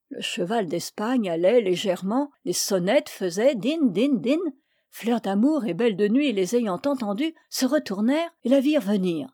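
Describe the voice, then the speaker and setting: A woman reading an old fairy tale aloud in a clear, measured storytelling manner. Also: medium pitch, dark tone, dry recording, clean studio sound. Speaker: reader of fairy tales.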